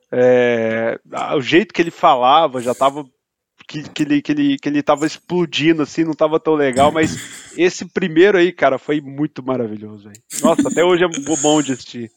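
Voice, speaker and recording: A man's voice: a little high, normal speed, no echo. A man co-hosting a casual podcast who rambles and repeats words while searching for phrasing. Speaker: podcast co-host. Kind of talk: casual chat.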